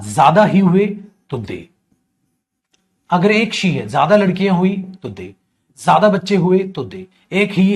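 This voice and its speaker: A man's voice: fairly high pitch, darkish tone. A man teaching an online grammar class, calling his students "my child" and repeating his key points.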